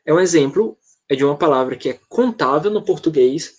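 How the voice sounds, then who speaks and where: A man's voice: a little high, expressive, a little fast, a little mellow. A Brazilian man teaching an online English class, explaining patiently and often checking in with the students.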